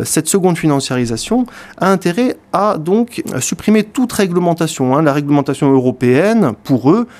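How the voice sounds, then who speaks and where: A male radio columnist talks through a book in a slightly high voice. He hesitates constantly, filling gaps with sounds and repeating words as he goes. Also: darkish tone. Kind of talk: spoken book review on radio.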